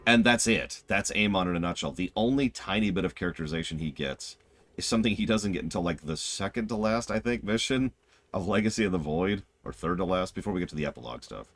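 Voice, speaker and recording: A man's voice: low-pitched, lively intonation, fast, a bit bright. A man doing casual, opinionated live commentary as a game review streamer, analytical in his manner.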